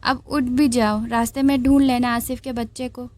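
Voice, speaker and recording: A calm, smug young man, as a woman reading a novel puts him on, teasing in an offhand, unhurried way. The voice stays a little high, with no real attempt to deepen it. An audiobook of a romance story. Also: no room sound, lightly acted.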